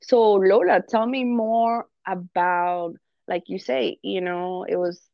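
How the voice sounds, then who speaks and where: A chatty woman hosting a podcast from her living room, laughing often and cutting in on her guest. Her voice has a gravelly edge, and the recording is dry and a little dull and lo-fi. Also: mid-range voice, steady tone, slow pace, no echo. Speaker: podcast host. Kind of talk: casual interview chat.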